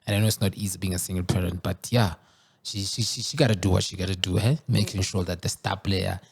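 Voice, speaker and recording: Deep gravelly host. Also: male voice, quick pace, slight background noise. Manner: chatty, repeats words, lively interjections. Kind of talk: casual interview.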